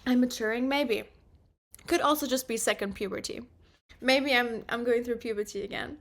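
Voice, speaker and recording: A twenty-something woman streams herself doing makeup, rambling casually to her audience and leaning heavily on filler words. She speaks at a normal speed in a voice on the high side.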